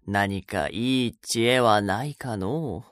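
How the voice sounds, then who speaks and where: A man voicing an old male mouse, a fretful elder who speaks in slow, old-fashioned, grumbling phrases. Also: fairly low pitch, a bit bright, dry recording, clean studio sound. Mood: worried.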